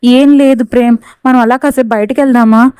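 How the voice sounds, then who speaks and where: A woman voicing a jealous, scheming young woman who talks sharp and accusing. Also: a little high, fairly even intonation, fairly quick, clean tone, no echo, lightly acted.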